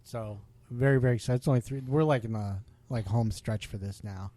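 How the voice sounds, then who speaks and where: Excitable laughing podcast host, dry sound. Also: male voice, mid-range voice, a little fast, dry recording. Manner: laughs often, excitable, trails off. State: has the hiccups. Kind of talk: casual podcast chat.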